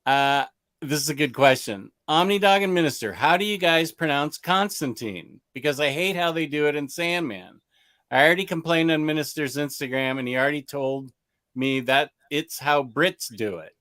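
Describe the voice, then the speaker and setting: A man's voice: on the high side, normal speed, a bit bright, no echo, studio quality. A middle-aged American man hosting a casual comics chat, rambling with restarts and frequent chuckles as he reads viewer questions. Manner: rambling, self-interrupting, chuckles often. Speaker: comics channel host.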